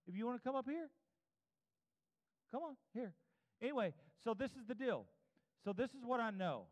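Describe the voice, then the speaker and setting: Before a congregation at a church service, a man of 52 delivers an evangelical sermon ending in an altar call, speaking earnestly and directly with repeated exhortations. His voice is a little high with a clean tone, captured in a muffled, echoing large room.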